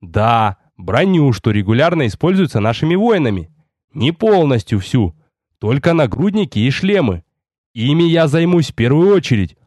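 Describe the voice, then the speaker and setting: A man's voice: medium pitch, big pitch swings, normal speed, darkish tone, dry recording, studio quality. A man voicing a stern young male lord and mage who gives curt orders.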